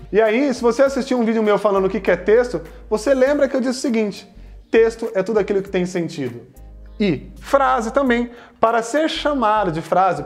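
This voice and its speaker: A male Portuguese teacher with a Brazilian accent giving a playful online grammar lesson, acting out student questions and talking straight to viewers. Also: high voice.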